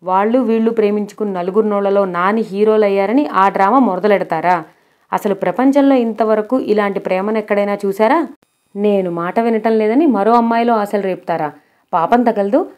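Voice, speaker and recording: An indignant young wife, as a woman reads her out, tearing into her husband in a storybook reading. She scolds hard, every line a reproach, in a voice of middling pitch. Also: moderate pace, darkish tone, natural voice. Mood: angry scolding.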